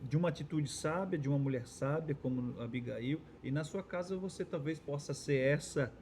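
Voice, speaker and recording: A man's voice: fairly high pitch, a little fast, darkish tone, a little hiss or hum. A Brazilian man co-hosting a Bible study dialogue, agreeing often and adding his own points. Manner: affirming, chimes in with agreement and adds points. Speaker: church co-host.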